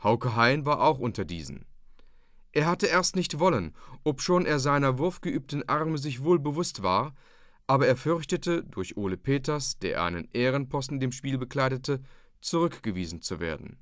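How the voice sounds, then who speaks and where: A man reading a story aloud in a scripted narration style, lively and voicing the characters' quoted lines. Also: mid-range voice, moderate pace, no echo, clean studio sound. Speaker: audiobook reader.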